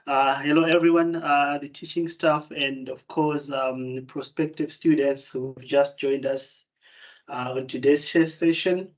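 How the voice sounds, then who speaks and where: A young student from Zimbabwe gives an online open day presentation over a video call, using many fillers and restarts. His voice is a little high, with fairly even intonation and a slightly slow pace.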